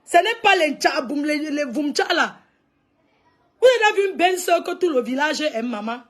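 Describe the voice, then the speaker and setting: A woman with a Cameroonian French accent chatting live with her viewers, animated and exclamatory, calling out to them again and again. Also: high-pitched, normal speed. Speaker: live streamer. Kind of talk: casual livestream chat with viewers.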